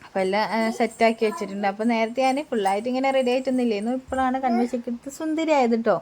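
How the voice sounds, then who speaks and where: A young woman narrating a family vlog in a chatty voice-over, tagging her sentences with a friendly "tto" and pausing on filler sounds. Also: on the high side, darkish tone. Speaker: family vlogger.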